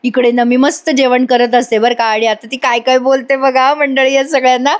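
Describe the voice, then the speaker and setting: Chatty high-voiced woman recapping a serial. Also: little pitch movement, moderate pace. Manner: chatty, addresses viewers. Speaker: serial reviewer. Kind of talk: voice-over episode recap.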